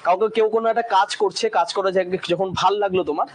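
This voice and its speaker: A man teaching a classroom English lesson, drilling long words slowly syllable by syllable and checking in with the students often. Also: sits high, fairly even intonation. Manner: drills pronunciation slowly syllable by syllable, often asks "ঠিক আছে?".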